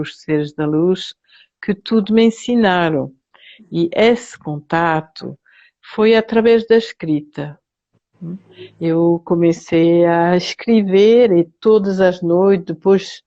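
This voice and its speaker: Slow, soft-toned older Frenchwoman. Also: fairly low pitch, dull audio. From France. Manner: slow, hesitant and reflective. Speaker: guest therapist. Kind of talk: live video interview.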